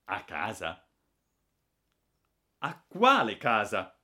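A man's voice: fairly low pitch, wildly swooping pitch, extremely slow, bright, forceful tone, exaggerated voice. A man voicing an exasperated older sister. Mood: exasperated scolding. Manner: scolding, then tender. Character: exasperated grown woman, the boy's older sister.

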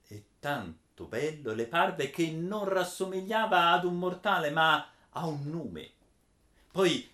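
A man telling a chivalric tale aloud with expressive delivery, dropping to a hush and then rising with emphasis. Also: mid-range voice. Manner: expressive, swings between hushed and emphatic. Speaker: storyteller. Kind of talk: dramatic storytelling of a chivalric tale. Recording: echoey room.

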